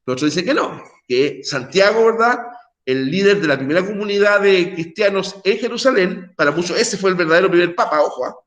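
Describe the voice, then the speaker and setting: A man's voice: sits high, expressive, fairly quick, a bit bright. A middle-aged male teacher giving a conversational online class lecture, full of tag questions and restarts. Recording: echoey room.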